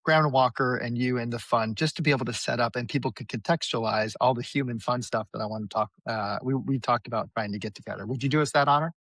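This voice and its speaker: A man's voice: medium pitch, fast, hardly any pauses, fairly bright tone, dry recording, poor audio. A man hosts a conversational podcast in a mid-range voice. He asks wandering, joking questions and restarts his phrasing often. The recording is dry and close. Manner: rambling, playful questions with restarts. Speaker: podcast host. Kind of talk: casual interview questions.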